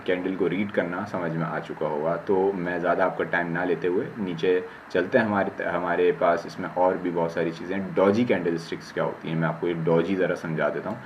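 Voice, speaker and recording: A man teaching trading on a screen-share tutorial, explaining step by step with many fillers and frequent check-ins, slowing down to read English terms off the screen. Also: deep voice, slight background noise. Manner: slows sharply when reading English terms from the screen.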